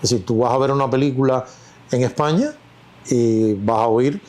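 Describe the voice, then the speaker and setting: A man's voice: medium pitch, normal speed, darkish tone. A man with a Cuban accent, an actor being interviewed, speaking in a reflective, storytelling way with plenty of fillers. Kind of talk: casual interview talk.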